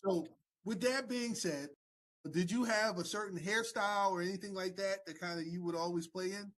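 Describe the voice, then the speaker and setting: Relaxed talk show host, a man. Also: sits high, normal speed. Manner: relaxed, conversational questioner. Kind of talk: casual interview conversation.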